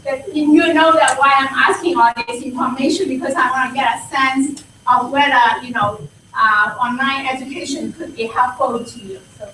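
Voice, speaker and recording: A woman's voice: sits high, fairly even intonation, normal speed, bright, forceful tone. A middle-aged woman, a university administrator, addressing a student meeting politely and searching for her words. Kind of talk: formal presentation to a meeting. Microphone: distant camera mic. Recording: echoey room, distant mic, faint noise.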